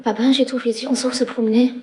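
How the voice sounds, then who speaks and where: An actress dubbing a gentle young wife and daughter who speaks in a soft, reassuring manner. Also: female voice, a little high, little pitch movement, quick pace, close to an everyday voice. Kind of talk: dubbed drama acting.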